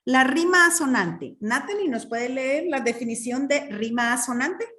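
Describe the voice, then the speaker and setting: A woman's voice: sits high, lively intonation, moderate pace, pushed and bright, far from the mic. A woman teaching a literature class, explaining patiently and checking in with her students often.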